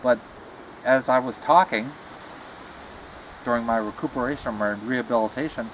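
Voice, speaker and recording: A middle-aged man chatting casually and reflectively in a halting way, talking out of the side of his mouth. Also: mid-range voice, a little hiss or hum, low-quality recording. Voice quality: talks out of one side of the mouth. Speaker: retired comic book artist showing a car. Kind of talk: casual rambling chat. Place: outdoors beside a parked car.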